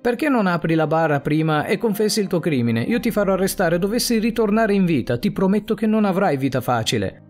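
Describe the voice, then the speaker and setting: Brief: man reading as a trapped police officer in a storybook, desperate and defiant, lively up-and-down delivery. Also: high-pitched, brisk, soft background music, pitched above the performer's own voice.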